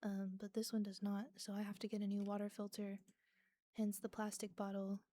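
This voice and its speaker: A woman's voice: medium pitch, monotone, fairly quick, mellow. A woman live streaming from her apartment, chatting casually and self-deprecatingly with viewers between songs on a desk microphone. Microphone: desk microphone she can mute.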